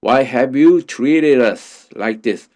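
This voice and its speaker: A man teaching an English Bible lesson. He speaks at a middle pitch and takes his time. He often stops with fillers and says the English phrases again as he explains them. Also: drawn-out words, darkish tone. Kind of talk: Korean-language lesson on English Bible verses.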